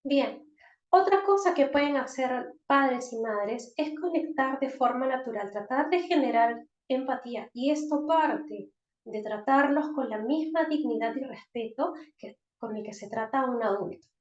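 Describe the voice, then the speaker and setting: A woman's voice: high-pitched, unhurried. A woman psychologist, explaining things in an online talk for parents and often checking in with her listeners. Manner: explanatory, frequent checking tags. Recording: roomy, dull online-call audio.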